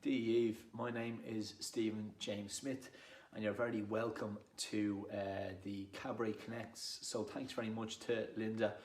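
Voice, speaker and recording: An Irish poet and performer from Dublin, with a Dublin accent, rambles casually to camera, introducing himself in a self-deprecating way. His voice is fairly low and darkish, his delivery flat and a little slow with hardly any pauses. The recording has a roomy echo and clear background noise.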